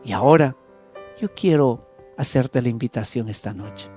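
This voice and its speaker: A man with a Peruvian accent preaching an evangelistic sermon as a pastor, telling the story with dramatic swings between loud and soft. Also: normal speed, soft background music. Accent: Peruvian Spanish. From Peru. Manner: emotive, dramatic storytelling with wide swings in pitch and loudness.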